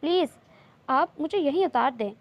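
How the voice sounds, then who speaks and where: A woman's voice: high-pitched, lively intonation, moderate pace, highs cut off. A woman reading a romance novel aloud, voicing a shy, fretful young woman who pleads and protests. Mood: flustered, pleading. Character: shy, anxious young woman, easily flustered.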